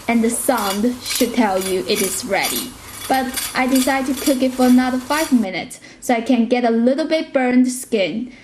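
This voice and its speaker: A woman's voice: fairly high pitch, darkish tone, a little hiss or hum, low-quality recording. A woman giving a casual cooking tutorial in her home kitchen, chatty and direct, with slightly non-native phrasing. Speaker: cooking vlogger.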